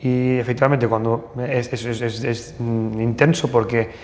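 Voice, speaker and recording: This northern Portuguese plastic surgeon speaks at a normal speed with a steady tone and medium pitch, hesitating and restarting often as he shares stories in a casual interview. There's a little hiss or hum, and the hall reverb is long.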